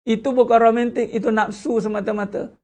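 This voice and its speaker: A religious teacher with a Malaysian Malay accent delivers an animated lecture, speaking briskly in a mid-range voice. He fills it with rhetorical questions and acts out prayers.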